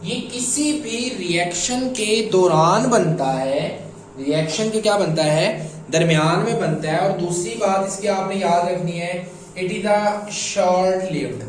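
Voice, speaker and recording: A man teaching chemistry at a whiteboard, slowly repeating points and answering his own questions. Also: high-pitched. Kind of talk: whiteboard lecture. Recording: very echoey room, faint ambient noise.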